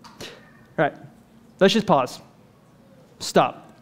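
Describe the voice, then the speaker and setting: A man preaching a sermon in a lively, conversational way, full of rhetorical questions to the congregation. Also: on the high side, drawn-out words. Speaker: pastor.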